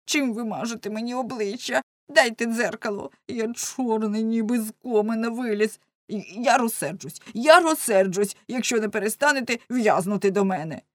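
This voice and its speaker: A woman's voice: a little high, normal speed, hardly any pauses, dry recording, clean studio sound, voice pushed up, lightly acted. A woman voicing a plump, flustered middle-aged man who whines and protests indignantly. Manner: indignant, whining.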